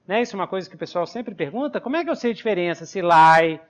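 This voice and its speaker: A man's voice: sits high, animated, rapid-fire. A Brazilian man co-hosting a podcast lesson, explaining English grammar step by step and spelling words out letter by letter. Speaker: English teacher, podcast co-host. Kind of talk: conversational teaching podcast. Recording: muffled online call audio.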